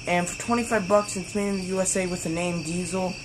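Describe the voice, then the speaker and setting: A young male hobbyist vlogger gives a casual, rambling product review full of slang, outdoors at night. His voice is high-pitched with fairly even intonation, and he speaks fast. Insects can be heard in the noisy outdoor recording.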